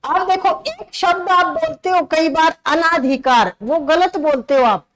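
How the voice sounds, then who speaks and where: A woman teaching a grammar lesson for exam prep, with a slight tinge, explaining slowly and repeating key words for her students. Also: very high voice, a little hiss or hum, low-quality recording.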